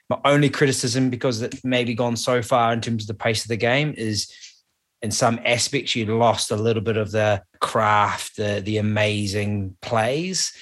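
Kiwi bloke with maori-influenced accent, lowish voice, chatting footy on a podcast. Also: male voice, fairly bright tone. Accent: New Zealand, Maori-influenced. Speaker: podcast panellist. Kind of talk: casual sports commentary chat.

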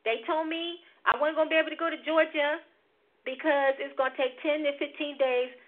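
A woman's voice: high-pitched, fairly even intonation, brisk. A middle-aged woman giving an emotional personal faith testimony to her viewers, fervent and emphatic. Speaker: vlogger sharing a faith testimony. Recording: tinny phone-like sound.

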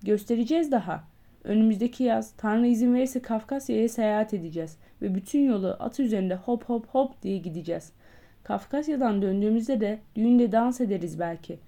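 A jovial older postmaster, all hearty cheer and quick, boisterous talk, as a woman reader puts him on. His voice rides higher than her plain narration and bounces along briskly. The tone stays mellow rather than sharp. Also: natural voice. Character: jovial older male postmaster, loud and backslapping. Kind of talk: audiobook character voice.

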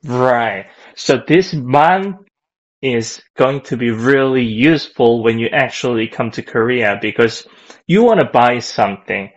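A man teaching a casual language lesson, relaxed and halting, with many fillers and restarts. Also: mid-range voice. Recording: dull lo-fi audio.

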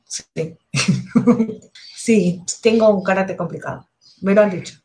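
A middle-aged woman with a Rioplatense Spanish accent, speaking as a mother and guest on a video call, candid and halting, often restarting her sentences. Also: medium pitch, a little mellow. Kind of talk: casual interview chat.

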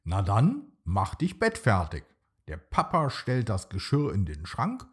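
Patient storybook dino dad, gentle and lively, as a male narrator puts him on, husky voice. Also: fairly low pitch, unhurried, exaggerated voice. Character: kind patient father dinosaur.

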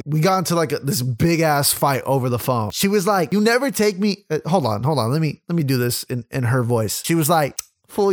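A man's voice: a little high, no room sound, studio quality. A young man telling a crude, self-deprecating comic story. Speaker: comedic storyteller.

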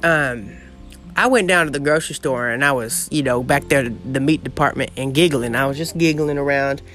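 A man's voice: mid-range voice, a little fast, a bit bright, faint music behind. A man, telling a story in a dramatic, exclamatory, gossipy way as a podcast host on his porch. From southeast Missouri. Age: late teens. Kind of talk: casual storytelling monologue. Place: outdoor porch.

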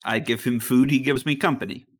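A man playing in a tabletop game podcast, joking in a deadpan way. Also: mid-range voice, fairly quick. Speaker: player. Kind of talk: casual tabletop game chat.

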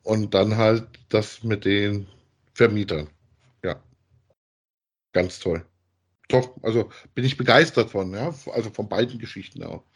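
Speaking a little slowly with long pauses, a man with a lowish, slightly rough voice co-hosts an audio drama review podcast. In casual conversation he voices opinions in an emphatic, colloquial manner and frequently seeks agreement.

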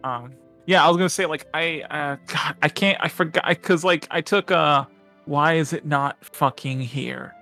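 A man's voice: fairly high pitch, moderate pace, bright, forceful tone, soft background music. A man playing a tabletop game, chatting casually in a rambling way with many fillers and restarts. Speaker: player.

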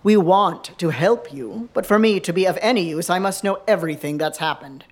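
A woman voicing a careful, diplomatic male cardinal, measured and formal. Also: lowish voice, natural voice. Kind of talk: audio drama acting.

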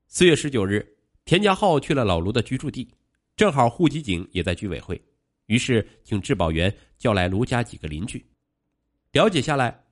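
Animated male crime-story narrator. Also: medium pitch. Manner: animated storytelling with rising emphasis.

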